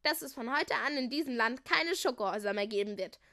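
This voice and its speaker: A woman's voice: fairly high pitch, expressive, fairly quick, sharp tone. A shy young prince in a fairy tale, earnest and a little bashful as he proclaims his decisions, voiced by a woman. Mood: solemn.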